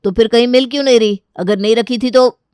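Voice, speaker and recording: A woman voicing an impatient young husband in a cartoon story, hurried and irritated. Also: medium pitch, darkish tone, dry recording, clean studio sound, lightly acted.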